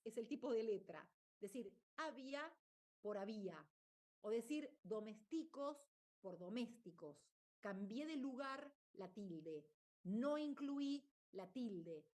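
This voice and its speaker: A woman's voice: on the high side, darkish tone. A woman teacher, explaining a lesson and often checking in with her listeners. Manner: explanatory, checks in with "¿está bien?". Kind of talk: online lecture.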